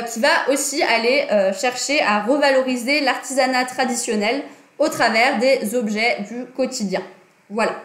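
A young woman with a slightly high voice hosts a casual livestream lesson on design and politics from her desk in a small, echoey room. She's chatty, with plenty of fillers and self-corrections.

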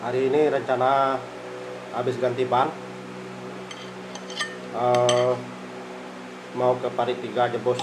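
Between bites, a middle-aged man murmurs through his casual eating vlog in an unhurried, even monotone with a mid-range voice and lots of "eh" fillers. His phone sits on the table in a small rented room, catching room noise along with the clatter of cutlery and dishes.

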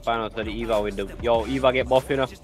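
A man's voice: medium pitch, fairly even intonation, fast. A man with a Jamaican accent chatting casually during gameplay, slangy, repeating short commands to teammates. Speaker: game streamer. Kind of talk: casual gameplay chat and team callouts. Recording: voice under loud game audio. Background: loud game music and effects.

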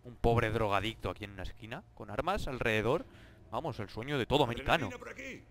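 A man's voice: medium pitch, very animated, fast, a bit bright. Jokey male let's-player, sarcastic, bursts into panicked yelps; noisy home mic. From Spain. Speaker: gameplay commentator. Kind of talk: casual gameplay commentary.

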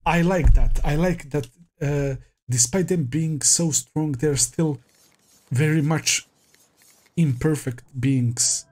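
A man's voice: a little high, takes it slowly, a little mellow. A man hosting an anime reaction, talking casually, swearing freely, laughing often and crying out at big moments.

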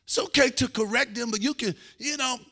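A middle-aged man, preaching a sermon as pastor, who swings between quiet asides, loud shouts and sung-out lines and acts out family arguments in different voices. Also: extremely high pitch, a little fast. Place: church.

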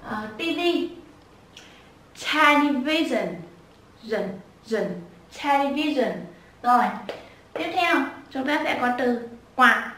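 Patient high-voiced woman drilling pronunciation. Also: pushed and bright, slight background noise. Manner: patient, repeats each word slowly and breaks sounds apart. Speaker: English pronunciation teacher for children. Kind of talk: slow spoken lesson with repeated drills. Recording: echoey room, voice a bit far from the mic.

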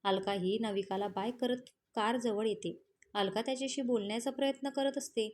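A woman's voice: fairly high pitch, fairly even intonation, moderate pace, darkish tone. A woman reading a romance story aloud as narrator, giving the characters' lines with only light changes of voice.

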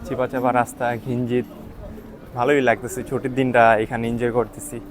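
A man filming a walking travel vlog outdoors, talking softly because he is tired and often checking in with his viewers. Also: mid-range voice, flat delivery, brisk, a little hiss or hum. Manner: keeps checking with "ঠিক আছে?". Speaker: travel vlogger. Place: outdoors on hilltop town streets.

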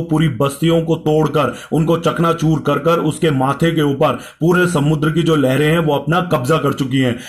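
A male teacher explaining a literature chapter to students, reading each English line slowly and then explaining it at length. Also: fairly high pitch.

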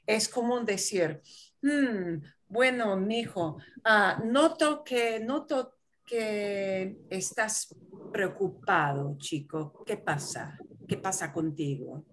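A woman's voice: medium pitch, expressive, slow pace, fairly bright tone, slight background noise. A woman from Michigan teaching Spanish in an online class, patiently explaining and switching into English to clarify. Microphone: video call.

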